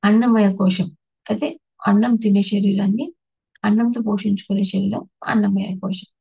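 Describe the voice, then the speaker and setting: A woman's voice: medium pitch, steady tone, normal speed, creaky, dark tone, slightly rough, dry recording, rough recording. A woman giving a patient spiritual talk on emotions and meditation, listing terms one by one and restarting her words. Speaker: meditation teacher.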